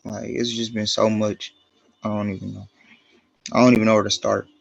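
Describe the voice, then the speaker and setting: A man speaking as a defendant, soft-spoken and hesitant, heard on a courtroom recording. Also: on the low side, flat delivery, normal speed, vocal fry, dry recording, lo-fi sound.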